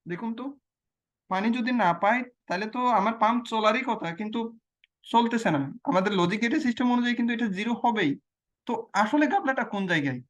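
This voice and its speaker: A man's voice: high voice, lively intonation, fast, lo-fi sound. Male tutor; patient self-quizzing explainer who restates every point. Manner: asks questions and answers them himself, repeats key phrases. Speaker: teacher. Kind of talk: explaining logic gates on a screen demo.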